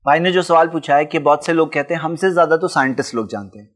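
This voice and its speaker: A man's voice: fairly high pitch, fast. A man giving a religious talk and answering audience questions, explaining his points through lists of examples.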